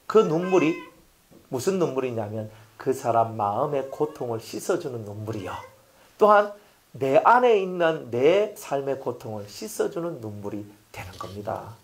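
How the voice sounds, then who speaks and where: Preaching at a moderate pace, a male pastor with a medium pitch has a sing-song delivery. His sermon is emphatic and repetitive, full of rhetorical questions to the congregation, moving from loud appeals to near-whispers.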